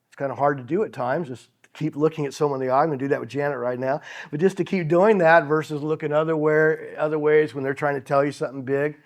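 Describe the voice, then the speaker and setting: A middle-aged man preaching a conversational sermon, chuckling as he acts out example phrases. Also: mid-range voice.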